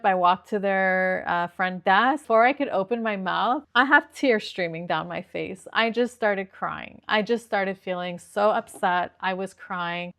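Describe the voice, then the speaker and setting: A woman's voice: mid-range voice, a bit bright. A middle-aged woman vlogger casually telling a personal story, quoting the dialogue as she goes, recorded in a parked car during a storm. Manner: emotional, retelling with quoted dialogue.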